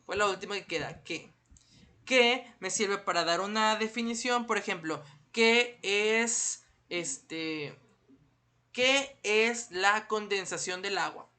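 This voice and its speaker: A man's voice: high-pitched, unhurried, pushed and bright. A man teaching an online class. He patiently asks his students questions and then answers them himself. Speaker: primary school teacher.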